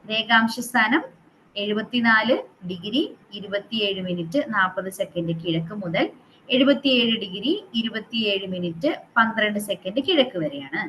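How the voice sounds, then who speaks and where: A woman's voice: mid-range voice, moderate pace, a bit bright, slight background noise, rough recording. A woman teaching a geography class who quizzes her students and repeats the figures to drill them, mixing in English terms.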